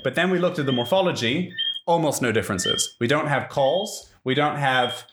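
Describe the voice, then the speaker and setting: A man's voice: mid-range voice, normal speed, background noise. Male scientist, casual explainer who revises his sentences as he goes, echoey room sound. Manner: thoughtful, corrects himself mid-sentence. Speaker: scientist answering listener questions. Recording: roomy echo.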